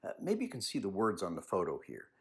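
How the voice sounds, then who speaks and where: This is a children's book author, an older man with a husky voice, reading a storybook aloud and adding his own personal remarks. His pitch varies enormously, and his delivery is expressive and leisurely.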